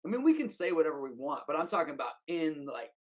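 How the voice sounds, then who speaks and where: A man with a fairly high voice talks casually as a podcast guest. He rambles and piles on fillers, coming back again and again to emphatic points. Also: big pitch swings, quick pace. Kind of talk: casual conversation.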